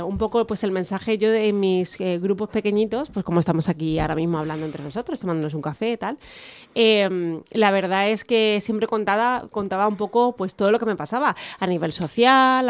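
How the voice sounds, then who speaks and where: A woman from La Mancha speaking as an interview guest, chatty and warm, with many fillers and restarts. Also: mid-range voice, normal speed, dry recording. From La Mancha, Spain. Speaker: guest, podcast creator. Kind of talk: casual interview talk.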